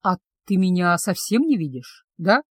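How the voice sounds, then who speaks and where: A woman voicing a cursed young man, a tender unseen suitor who talks softly and slowly in a low voice. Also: very animated, slightly rough, no echo, studio quality. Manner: soft, low and slow-spoken.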